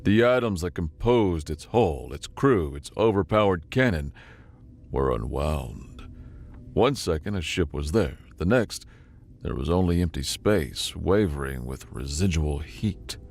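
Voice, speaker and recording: Deep-voiced man narrating expressively. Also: unhurried, gravelly. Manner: dramatic, expressive storytelling. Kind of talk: scripted audiobook narration.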